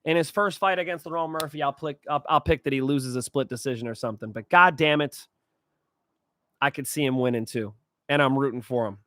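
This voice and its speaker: Excitable, profane man with a bright voice. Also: medium pitch, a little fast, dry recording. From California. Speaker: host. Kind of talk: fight predictions monologue.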